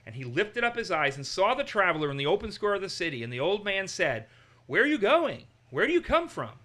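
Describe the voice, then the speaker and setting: Brisk and high-pitched, this Massachusetts man leads a conversational Bible study. He animatedly performs the quotes, raising his voice for them.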